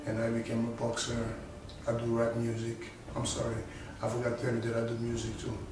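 Standing before a studio backdrop indoors, a man from Senegal who boxes and raps gives a casual self-introduction to the camera, rambling and restarting phrases as he repeats himself. He talks a little fast at a medium pitch with a completely flat delivery. He's picked up from a distance in a very echoey room, with background noise and music behind.

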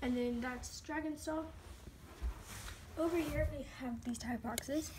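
Woman, high voice, casual toy-barn tour on a phone, slight background hiss. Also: measured pace. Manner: chatty listing, soft at times, slips into whispers. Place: carpeted room at home, indoors. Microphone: handheld phone camera, unseen speaker.

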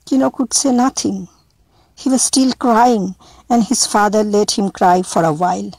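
A woman reads a storybook aloud as a storyteller, slow and deliberate. Her voice sits at a middle pitch. The recording is close and dry. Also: steady tone, a little mellow, no echo, poor audio.

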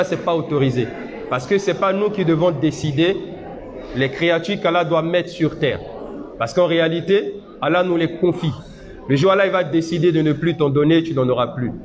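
A man teaching religion at a seminar, patiently explaining and checking with his audience, demonstrating Arabic sounds slowly. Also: mid-range voice, darkish tone. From Côte d'Ivoire. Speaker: Islamic teacher. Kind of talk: religious teaching and Quran recitation lesson. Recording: dull lo-fi seminar recording with faint noise.

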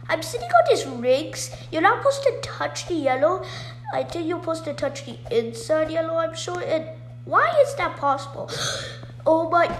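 A young girl of about nine giving bubbly, excited commentary while playing a game, exclaiming and gasping often. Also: very high voice, reverberant. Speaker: gaming YouTuber.

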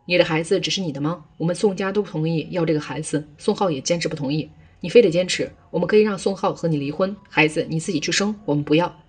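一个女人为一位强势自私的婆婆配音，语气平直，像照本宣读。. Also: female voice, sits low, fast talker, breathy edge, soft background music. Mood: harsh. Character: stern older mother-in-law, self-serving and blunt.

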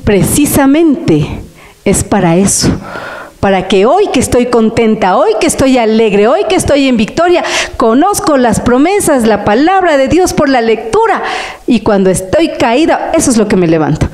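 Emotional woman preacher with a higher voice. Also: sing-song, normal speed, a little mellow. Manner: emotional, pitch jumps up and down for emphasis; addresses listeners as brothers.

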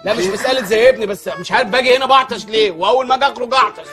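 A fretful, God-fearing Egyptian chicken seller in a TV comedy, his voice pitched very high as he rattles off scolding and pleading lines at a brisk clip. A music score plays under him. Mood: indignant. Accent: Egyptian Arabic. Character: pious, fussy male chicken-shop owner and anxious father. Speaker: comic lead in a TV comedy series. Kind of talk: sitcom comedy acting.

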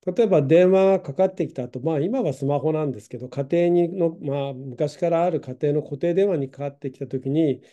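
A man's voice: fairly high pitch, mellow, muffled recording. A middle-aged man teaching English grammar online, explaining patiently with many fillers.

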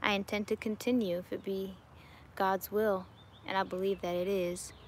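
A cheerful young woman chats loosely with her live viewers from her garden, laughing easily. Her voice sits at an ordinary middle pitch, picked up by a phone held at arm's length outdoors, with a faint hum of open air behind her. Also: flat delivery, moderate pace. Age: 20s. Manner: upbeat, chatty, laughs often. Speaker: YouTuber answering live chat. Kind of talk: casual livestream chat. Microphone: webcam or phone at arm's length.

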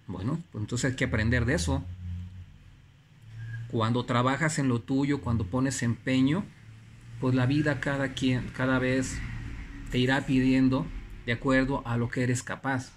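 A man's voice: medium pitch, steady tone, a little slow, a little hiss or hum. Man, motivational speaker, earnest, preachy, repeats phrases, mid-range voice. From Mexico. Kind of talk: motivational talk.

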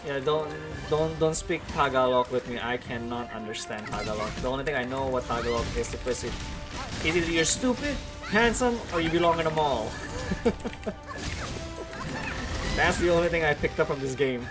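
A young adult game streamer from Indonesia, speaking with an American English accent, chats casually with viewers while playing, over music. The medium-pitched voice is animated at normal speed, laughing a lot and correcting themself along the way.

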